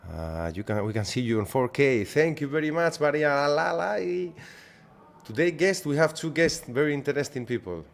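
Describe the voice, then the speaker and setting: Hosting a casual live trading webinar, a man with a Spanish accent, his native language Spanish, greets viewers by name, often repeats phrases and restarts sentences. His fairly high, animated voice is creaky and moves at a normal speed.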